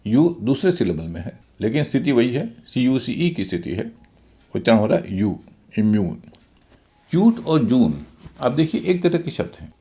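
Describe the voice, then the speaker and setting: A middle-aged man gives a Hindi-language English lesson on pronunciation, spelling words letter by letter and explaining the rules step by step. His medium-pitched voice is sing-song, mellow and a little fast.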